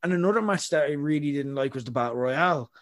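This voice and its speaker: A young adult man hosts a podcast in casual chat, talking quickly in a fairly high voice. He rambles and gives opinionated takes, with lots of filler words.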